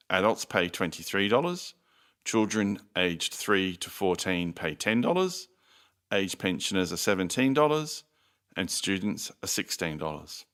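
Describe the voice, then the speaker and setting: A man playing the announcer on a recorded phone message, giving scripted visitor information in a measured, formal, promotional way. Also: on the low side, fairly bright tone.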